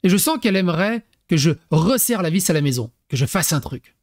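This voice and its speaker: A man commenting comically on a parenting text he reads aloud, with animated, crude talk and mock acting mixed in. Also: high-pitched, fairly quick. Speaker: YouTube commentator.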